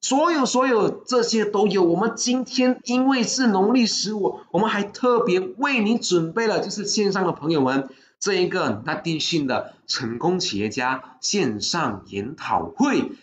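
A livestream host, pitching a book club membership in an upbeat, urging way and taking viewer questions, with English words mixed in. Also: expressive, moderate pace. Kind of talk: live-stream sales pitch and Q&A. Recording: echoey room.

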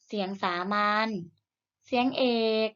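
A woman teacher giving a recorded reading lesson to young children. She speaks slowly, models each sound clearly for the children to repeat, and encourages them gently. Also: highs cut off. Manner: slow, deliberate modelling of sounds for repetition. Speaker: primary school teacher.

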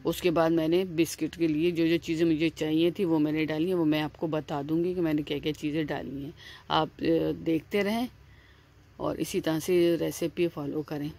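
This is a cooking channel host whose low, mellow voice holds a steady tone at a moderate pace. Explaining her home cooking casually step by step, she chats, repeats herself, fills gaps with "aa," and often starts sentences over.

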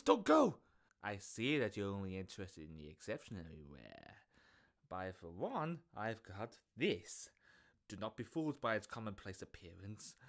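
A man voicing a sly, chatty street peddler who shifts between hushed and booming theatrical sales patter.

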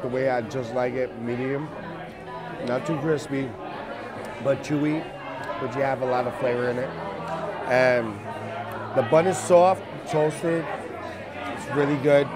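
A man in his thirties, a food vlogger, reviews a burger for a casual vlog inside a busy bar and restaurant, chatting, exclaiming and laughing often. His mid-range voice keeps a fairly even intonation, unhurried and with long pauses. He films on a phone held close with an earbud mic, and the crowded bar is noisy with loud music and crowd chatter.

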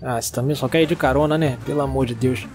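A young man with a Brazilian Portuguese accent, excitedly narrating a video game and talking to its characters. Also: mid-range voice, fast talker, over music. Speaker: gaming YouTuber. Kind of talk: let's-play commentary.

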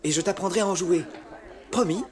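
A kind, reassuring young man, voiced by a man in a storybook record. His voice sits fairly high for a man, soft and friendly, with faint outdoor crowd behind. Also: fairly quick, lightly acted.

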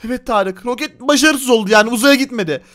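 A man's voice: very high voice, fast talker, a bit bright. A man hosting a Minecraft role-play, chatty and teasing, talking to his viewers. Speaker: game role-play host and narrator.

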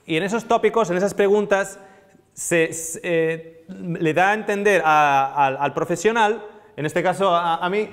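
A man in his thirties lectures a small live audience on nutrition, with a somewhat high voice, leaning into questions to the room. His lapel mic catches the long reverb of the hall around him. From Spain. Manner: animated, asks the audience questions, gestures a lot. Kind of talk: live seminar talk to an audience.

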